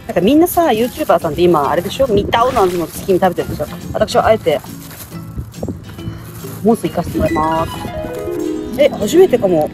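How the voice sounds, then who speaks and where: A woman's voice: fairly low pitch, lively intonation, brisk, long pauses, music in the background. A woman vlogger rambling casually to the camera outdoors. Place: outdoors, street and grassy riverbank. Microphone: phone or camera at short distance.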